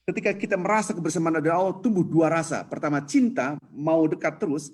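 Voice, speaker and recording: Husky guy preacher on a zoom call, lots of stories, gets lively. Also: fast talker. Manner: lively storytelling preacher, rises in pitch when explaining. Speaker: ustadz giving a dawn study lecture. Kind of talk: online Islamic lecture with Q&A. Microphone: video call.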